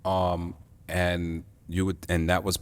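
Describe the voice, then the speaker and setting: In a boxing gym, a male show host runs a casual interview, hyping the intro before asking questions in an easygoing way. His voice sits low and is smooth, slow, and monotone.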